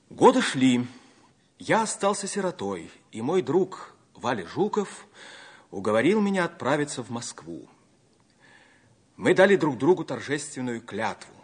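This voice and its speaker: A man's voice: medium pitch, breathy edge. An actor playing an earnest, romantic young man in a theatrical old radio drama style. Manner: theatrical, declamatory, expressive. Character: Sanya, earnest, romantic young man telling his life story.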